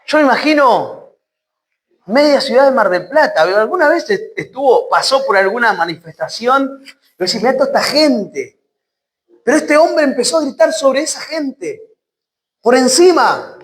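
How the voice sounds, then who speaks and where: A woman preacher with an Argentine accent speaks in a high voice, giving an emphatic sermon. She repeats key phrases and sinks her voice low to press a point home. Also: big pitch swings, normal speed. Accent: Argentine Spanish.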